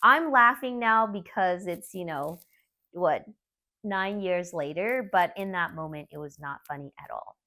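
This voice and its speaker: A woman in her forties from Laos, a martial arts school owner, telling a personal story in an earnest, candid, soft-spoken way. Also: fairly low pitch, measured pace.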